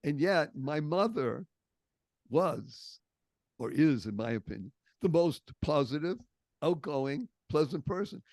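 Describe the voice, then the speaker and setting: A man's voice: fairly high pitch, animated, slow, a little mellow, no room sound. An older man from the Boston area with a Boston accent, a podcast guest telling stories expressively and stressing key words. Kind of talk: storytelling interview.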